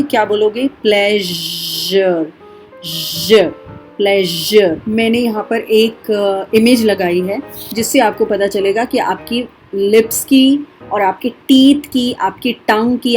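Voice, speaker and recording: A woman with an Indian accent leads a spoken English lesson, sounding out each phrase slowly and with care. Her voice sits in a middle register, and faint music plays underneath. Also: medium pitch, a little mellow. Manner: slow, careful demonstration of phrases. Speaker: English teacher.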